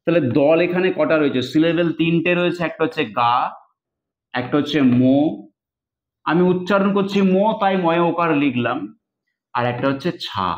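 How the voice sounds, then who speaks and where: A fairly high-voiced man gives an exam-prep lecture, breaking words into syllables and repeating them slowly. The sound is dull and lo-fi, with a roomy echo around him. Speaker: teacher. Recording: echoey, dull lo-fi room sound.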